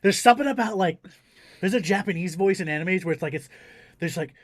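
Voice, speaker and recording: A man's voice: sits high, quick pace, very noisy. A man from Minnesota hosting a casual comedy podcast, joking around and jumping into exaggerated bits. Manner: jokey, jumps into exaggerated bits.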